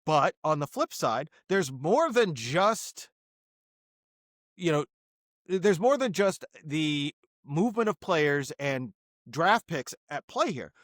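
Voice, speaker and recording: A man co-hosting a casual sports podcast who reasons through his points in a measured way. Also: on the high side, sing-song, a bit bright, dry recording, studio quality. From Boston area. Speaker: podcast co-host.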